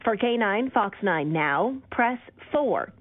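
A woman's recorded answering machine greeting on a TV station's phone line, reading a phone menu in an even, clearly spaced way. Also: mid-range voice, slow, dry recording. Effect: recorded answering machine greeting over a phone line. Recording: tinny dry phone line.

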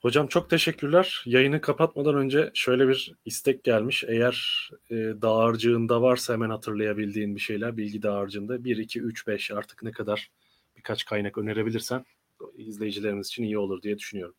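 Low-voiced male host, under the weather. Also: level tone, brisk. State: unwell, voice strained. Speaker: host of a political talk stream. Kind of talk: conversational interview hosting.

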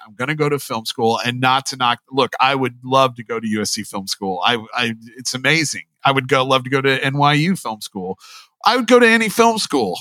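Middle-aged man, podcast guest, bright tense voice, self-deprecating, rambling, many restarts. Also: medium pitch, no echo. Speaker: line producer, guest. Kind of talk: candid podcast interview chat.

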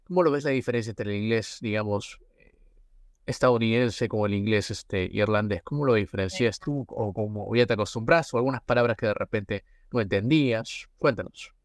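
A man's voice: fairly low pitch, a little fast, no room sound, studio quality. A man hosting a casual podcast interview, asking long, rambling questions that he keeps tagging for agreement. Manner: rambling questions with many tag questions. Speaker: podcast host.

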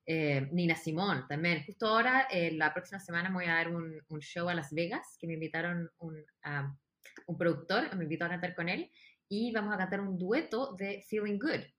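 A woman's voice: lowish voice, normal speed, a bit bright. A woman from Chile with a Chilean accent, a singer guest chatting casually on a podcast, laughing often as she tells stories. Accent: Chilean Spanish.

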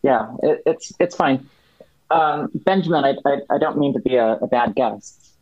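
A man speaking as a podcast guest, explaining a policy issue in a measured, detailed way with frequent restarts. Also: mid-range voice, no echo. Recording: dull, dry lo-fi sound.

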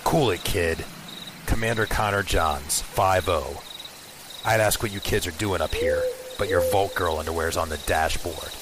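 An actor playing a gruff, weary middle-aged police commander in an audio drama, curt and sardonic like an old-time beat cop. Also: male voice, low voice, measured pace. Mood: wry. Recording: noisy night ambience with chirping crickets.

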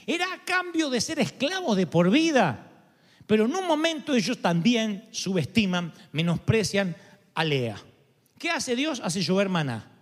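A high-pitched male preacher delivers a sermon full of humor and rhetorical questions. His pitch leaps up and down with animation. The long echo of a large church hall trails after every phrase. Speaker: pastor.

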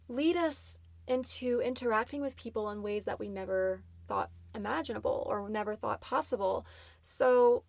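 Female advice vlogger, slightly high voice, upbeat and reassuring, tidy delivery, close dry sound. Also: creaky, no echo. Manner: encouraging, reassuring. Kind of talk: personal advice talk to viewers.

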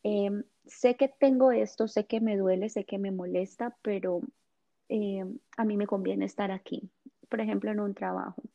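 A woman, a guest, talking in a gentle, hesitant way with many fillers, explaining in casual conversation. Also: mid-range voice, fairly even intonation, normal speed, vocal fry, highs cut off. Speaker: guest on chakras and essential oils.

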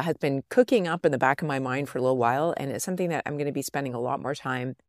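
Low-voiced older woman hosting a podcast. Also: a little mellow, no echo, clean studio sound. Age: 50s or older. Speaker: podcast host and life coach. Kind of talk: podcast monologue.

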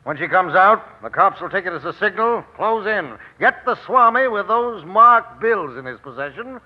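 An actor playing a brisk, confident newspaper man with slangy, snappy talk in an old radio drama. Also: high-pitched, lively intonation. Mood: brisk, assured. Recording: dull lo-fi old radio recording.

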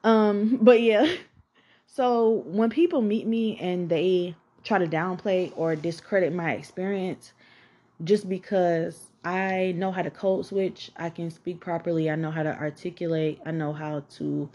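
The audio is dull, and her mellow voice sits on the low side with fairly even intonation and a measured pace. A Southern-accented Atlanta woman in her 20s, she hosts a podcast where she casually and candidly recounts her life story, with plenty of swearing and "like."

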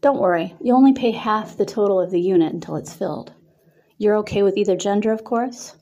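A woman's voice: medium pitch, brisk, warm tone, highs cut off, lightly acted. A woman voicing a cheerful, welcoming young woman property manager.

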